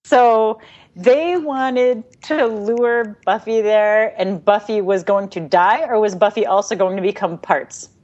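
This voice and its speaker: A woman co-hosting a casual chat podcast, asking unhurried questions. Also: mid-range voice, darkish tone, highs cut off. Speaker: podcast co-host.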